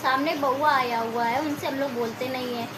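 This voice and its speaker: A woman's voice: high voice, steady tone, normal speed. A woman, a mother, chatting directly to viewers in a casual home vlog. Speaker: vlogger, mother. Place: home rooftop and house. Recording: clear background noise.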